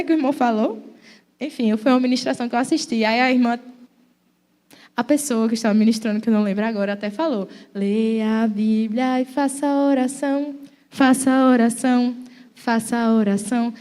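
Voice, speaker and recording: A young woman with a Brazilian accent preaching a church sermon in a conversational, playful storytelling way. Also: high-pitched.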